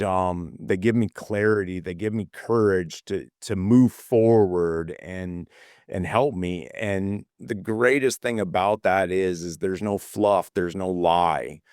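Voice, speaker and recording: A man co-hosting a motivational talk, earnest and full of fillers and restarts, a little hoarse as he loses his voice. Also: low voice, darkish tone, no room sound, studio quality. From California. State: losing his voice a bit. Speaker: podcast co-host.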